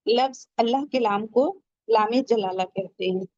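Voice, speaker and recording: A woman teaching a tajweed class. She explains each rule step by step, asks questions and answers them herself, and slows down to pronounce the Arabic words carefully. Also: a little high, a little mellow, no echo, lo-fi sound. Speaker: Quran recitation teacher. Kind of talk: tajweed lesson.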